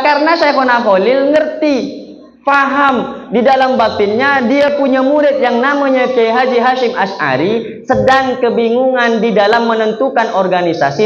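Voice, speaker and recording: A man's voice: high voice, a little hiss or hum. A male kiai preacher telling stories in a chatty sermon, often addressing the men in the audience directly. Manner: chatty, addresses listeners as 'Pak'. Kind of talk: sermon storytelling. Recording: echoey dull lo-fi hall sound.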